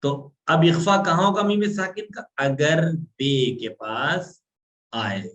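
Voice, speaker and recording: A man's voice: a little high, big pitch swings, takes it slowly, fairly bright tone. A man teaching an online class on Quran recitation, patiently explaining rules step by step and drawing out sounds to demonstrate.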